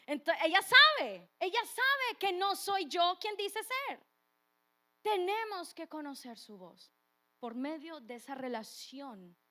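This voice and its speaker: A woman's voice: sits high, a bit bright. A woman preaching a sermon in an earnest way, putting direct questions to her listeners.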